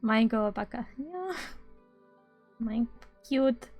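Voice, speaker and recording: With faint music in the background, this young Estonian streamer rambles casually, dropping dry sarcastic remarks along the way. Her fairly high voice has lively intonation and a slow pace, and the sound is lo-fi.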